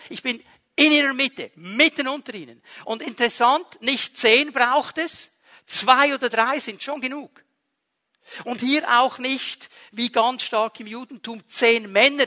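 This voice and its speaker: Male pastor, sermon, very high voice, bright and forceful, chatty preaching with questions to the room. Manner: lively, conversational preaching with rhetorical questions. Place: church hall with a congregation.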